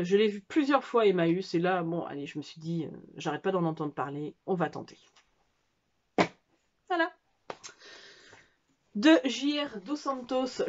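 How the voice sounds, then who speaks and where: French woman, casual book vlogger, chatty and halting, mid pitch, slightly muffled home audio. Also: darkish tone. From France. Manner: chatty, hesitant, many fillers and restarts. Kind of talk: casual book haul chat.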